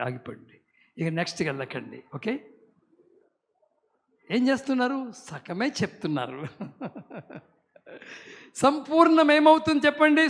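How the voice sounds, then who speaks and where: An elderly male pastor in his late seventies delivers a fervent sermon in a notably high voice. He preaches emphatically, breaking into loud calls and dropping in English phrases. A long church-hall reverb trails every line. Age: 70s.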